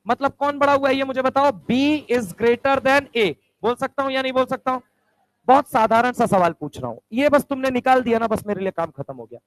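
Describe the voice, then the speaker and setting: A male chemistry teacher lecturing a class, firing quick rhetorical questions and answering them himself. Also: extremely high pitch, animated, no room sound, poor audio. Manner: answers his own questions aloud.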